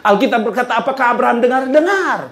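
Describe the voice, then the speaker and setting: A male pastor, preaching a lively sermon that jumps between loud bursts and quiet asides, often joking. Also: very high-pitched, fast, gravelly.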